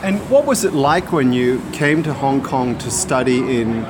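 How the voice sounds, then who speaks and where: A man's voice: medium pitch, animated, unhurried, noisy background. A man working as an interviewer, asking conversational questions patiently and putting them in simple words.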